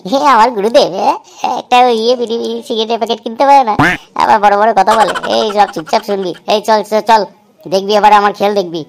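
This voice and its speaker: Woman voicing fast-talking cartoon boy Bitkel. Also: medium pitch, fairly even intonation, vocal fry, a little hiss or hum, lightly acted. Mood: cocky. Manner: fast, chattering, nervous then cocky. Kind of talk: cartoon comedy voice acting.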